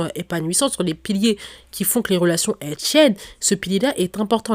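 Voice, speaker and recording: A young woman talks straight to her listeners in an advice podcast, firm and emphatic, switching between familiar and formal address. Her voice sits at a middle pitch for a woman. The recording is dry and close, with no room echo. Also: a little mellow. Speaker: podcast host.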